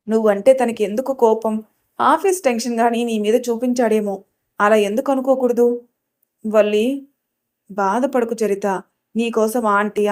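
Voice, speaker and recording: Narrating a family drama audio story, this woman uses a medium-pitched, darkish voice. All the characters' lines come from her, voiced with only small changes.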